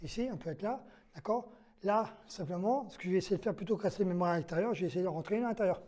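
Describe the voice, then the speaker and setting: A man's voice: high voice, rapid-fire, darkish tone. A man leading a self-defense lesson, explaining each move step by step while demonstrating and counting the moves aloud. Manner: explains step by step, checks in with "d'accord?".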